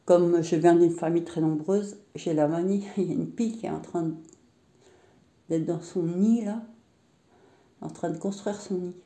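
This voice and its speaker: A woman's voice: fairly low pitch, moderate pace, long pauses, warm tone. A middle-aged woman chatting casually through a grocery haul vlog at home, rambling with frequent hesitations. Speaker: vlogger. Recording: roomy echo.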